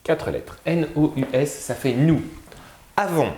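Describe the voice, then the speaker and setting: A man teaching a spelling lesson, sounding out syllables slowly and carefully. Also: fairly high pitch, darkish tone, roomy sound. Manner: slow, drawn-out, sounding out syllables.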